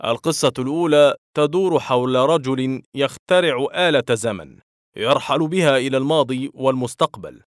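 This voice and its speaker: A cold, stern office director speaks in firm, measured reproach, as a man reads him in a story. His voice sits at a middle pitch. The recording is close and dry. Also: no echo, close to an everyday voice.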